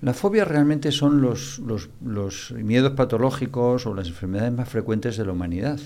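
Older guy, gravelly voice, psychiatrist lecturing on a podcast, hammers key words over and over. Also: medium pitch, lively intonation, normal speed, mellow. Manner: didactic, repeats key words for emphasis. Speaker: psychiatrist guest. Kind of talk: explanatory podcast interview.

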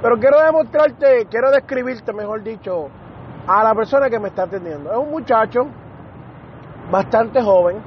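A man with a rather high voice tells a story in a relaxed podcast monologue, slipping into the voices of the people in it. The recording sounds a little muffled, with faint car and street noise behind him. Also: normal speed. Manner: animated retelling that acts out other people's lines. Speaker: podcast host.

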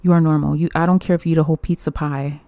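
A young woman hosts a solo podcast, talking candidly and chattily, swearing freely and laughing often. Her low, mellow voice is flat in delivery and very fast. There's no echo.

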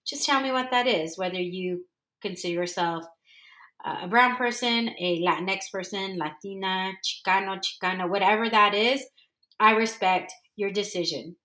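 A woman with a sharp-toned, medium-pitched voice hosts her podcast from San Diego, California, speaking at normal speed. Her casual solo talk is rambling and sincere, full of self-corrections, and the sound is roomy.

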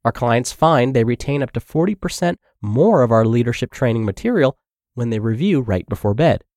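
A man's voice: mid-range voice, animated, a little fast, darkish tone, dry recording, studio quality. A man hosting a health podcast with a congested voice, upbeat as he reads a blog article aloud. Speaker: podcast host and narrator.

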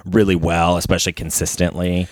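Low-voiced man in hesitant casual chat. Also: flat delivery, brisk, no echo, clean studio sound. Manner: hesitant, many fillers and self-corrections.

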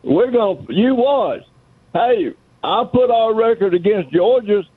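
A brash male radio caller taunts and boasts in a high-pitched voice. His voice comes through a thin, dry phone line. He pushes his words out with swagger. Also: lively intonation, measured pace, slightly rough, no echo.

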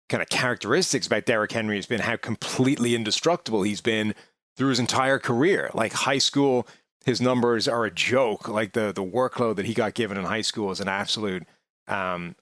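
A man's voice: lowish voice, a bit bright, dry recording, studio quality. A man giving conversational sports commentary, reasoning his way through an argument step by step in a discursive way. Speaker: sports podcast analyst.

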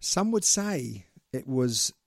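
A man's voice: medium pitch, big pitch swings, slow, creaky, no echo, studio quality. A man with a New Zealand accent hosting a casual sports podcast, chatting in a slangy, teasing way. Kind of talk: casual chat.

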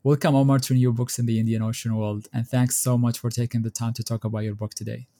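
A man hosts an academic interview podcast, opening with a carefully read introduction of his guest. His voice is mellow and warm, and his delivery is steady and measured. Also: medium pitch. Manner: measured, reads a formal introduction. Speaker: podcast host. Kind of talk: scripted introduction and interview questions.

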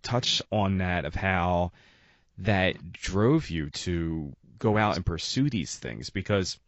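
A man's voice: low voice, takes it slowly, no echo, lo-fi sound. A man hosting an interview, asking long, rambling questions full of "you know". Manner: rambling, searching for words with many "you know"s. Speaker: podcast host.

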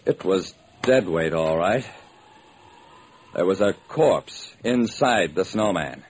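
A man with a low, expressive, exaggerated voice takes it slowly as he voices a hard-boiled private eye recounting his case. The noisy old radio recording captures his wry storytelling, dramatic and deliberate in classic old-time radio fashion.

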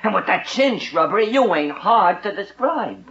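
Very high-pitched brash New York kid gangster. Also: male voice, sing-song, normal speed, heavy background noise. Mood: bossy, cocky. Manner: bossy gangster slang, wisecracking. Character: brash wisecracking boy playing a tough gangster. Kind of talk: 1940s-50s radio comedy acting. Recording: dull roomy old radio, audience.

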